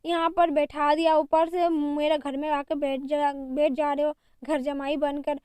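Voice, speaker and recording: A hot-tempered young wife who scolds without pause, as a woman narrator puts her on. The voice is very high and mellow. It sounds close and dry. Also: little pitch movement, dry recording. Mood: angry.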